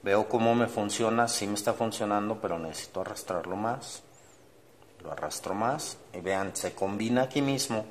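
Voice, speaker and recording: Low-voiced male art teacher, demonstrates step by step while painting; faint background hiss. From Mexico. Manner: explains step by step while painting, thinking aloud; often ends phrases with tag questions. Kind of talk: online art class demonstration.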